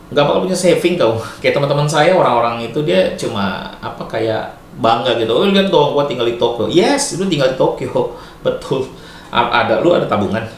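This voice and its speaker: A middle-aged man from Indonesia talks in a relaxed, lively way, mixing Japanese and English words into casual advice. He laughs often, and his voice sits at an ordinary pitch. The room gives it a clear echo over faint background noise. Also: normal speed. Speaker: vlogger giving advice.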